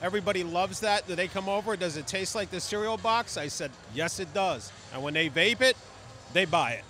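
A man's voice: high voice, a little fast, sharp tone. A middle-aged man chatting as an upbeat, agreeable vendor in a promotional interview. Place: trade show booth indoors. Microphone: handheld microphone held by interviewer. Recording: noisy convention hall.

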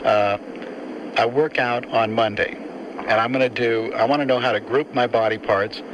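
A man's voice: mid-range voice, fairly even intonation, normal speed. A man interviewing, asking his questions in a casual, hesitant way, on an old cassette recording. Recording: old cassette tape with background hiss.

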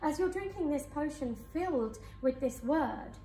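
A woman hypnotherapist leading a guided hypnosis session for a live audience in a conference room, speaking in slow soothing suggestions. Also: sits high, expressive, warm tone, a little hiss or hum. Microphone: far camera. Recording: echoey room from far off.

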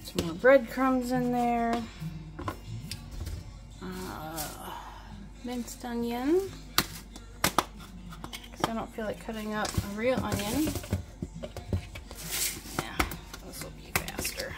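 A woman's voice: on the high side, very slow, long pauses. A woman casually talking through her cooking in a home kitchen, thinking aloud as she works. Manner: relaxed, thinking aloud while working. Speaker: home cook vlogger. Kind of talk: casual cook-with-me narration. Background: loud background music.

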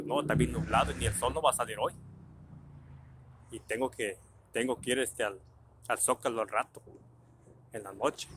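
A man's voice: mid-range voice, a bit bright, slight background noise. A man telling a casual anecdote about his childhood, colloquial and full of swearing, acting out the people in his story.

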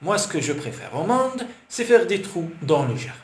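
A man voicing a lively young foreign woman, friendly and chatty with a small boy, with a foreign accent. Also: lowish voice, moderate pace, voice pushed up. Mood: cheerful. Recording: roomy with faint hiss.

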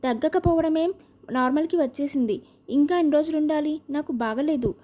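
A woman's voice: sits high, fairly quick, mellow, natural voice. A woman voicing a proud, restless young heroine in an audio novel, speaking in an insistent, pleading way.

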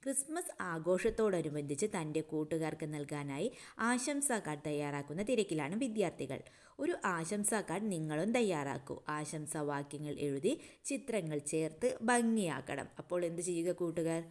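A woman's voice: low voice, animated, moderate pace, a little mellow. A woman teacher going through exam answers for young children, asking questions and answering them herself, with English words mixed in. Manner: mixes English words into her talk.

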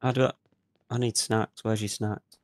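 A man's voice: on the low side, flat delivery, a little slow, no room sound. Joking streamer guy. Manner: joking, greets viewers. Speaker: streamer host. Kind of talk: casual gameplay banter.

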